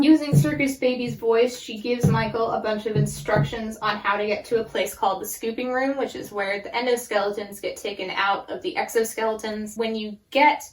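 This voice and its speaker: A woman hosting casual, comedic game lore commentary in an animated, sarcastic way with drawn-out emphatic words. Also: fairly high pitch, low-quality recording. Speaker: video essay host.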